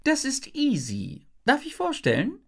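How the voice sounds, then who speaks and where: A woman voicing a bubbly, chatty young girl genie in an audiobook, giggly and quick with her words. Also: high-pitched, huge pitch swings, vocal fry, voice pushed up, full character voice. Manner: giggly, fast talking, squeals when scared. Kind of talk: audiobook character voice.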